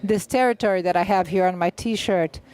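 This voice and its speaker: Carrying a festival panel discussion into English live, an interpreter speaks in short, halting phrases broken up by frequent filled pauses and self-corrections. The pace is uneven, speeding up and slowing down, and the middle-pitched voice has a darkish, smooth tone.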